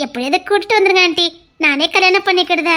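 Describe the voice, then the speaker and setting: A woman's voice: very high voice, fast talker, sharp tone. A woman playing a giggly, greedy young cousin. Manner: giggly, flippant. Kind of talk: one-voice family drama acting.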